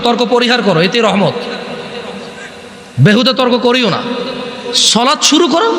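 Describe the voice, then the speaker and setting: A man with a Bangladeshi accent preaching a sermon to a gathering, loud and animated, asking the crowd questions and answering them. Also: very high-pitched. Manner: restless, loud and animated, says so himself. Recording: echoey hall with long reverb.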